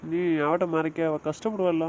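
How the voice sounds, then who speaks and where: A man's voice: a little high, fairly even intonation, a little fast, highs cut off, slight background noise, natural voice. Man doing a scolding, protective brother-in-law. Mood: concerned, scolding. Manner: scolding, prodding, emphatic. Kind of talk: audio drama acting.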